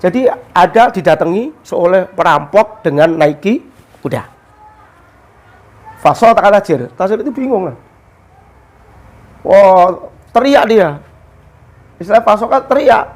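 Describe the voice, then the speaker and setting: High-voiced man telling a tale. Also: unhurried, pauses often. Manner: animated, acts out quoted characters with raised pitch. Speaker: religious teacher explaining a kitab. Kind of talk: casual storytelling explanation.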